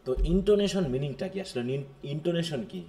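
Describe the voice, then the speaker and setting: A man's voice: fairly high pitch, animated, dark tone. Bangladeshi man teaching a class. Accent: Bangladeshi Bengali. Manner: explains in Bengali and reads English definitions slowly; keeps asking the class questions. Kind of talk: live lecture.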